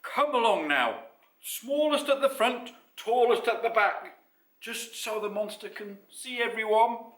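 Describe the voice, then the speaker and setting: A man acts out a blustering storybook lion, a self-important old chap. He is loud, high and stammering, bossing everyone along in a roomy echo. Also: lively intonation, unhurried, heavily acted. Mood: commanding.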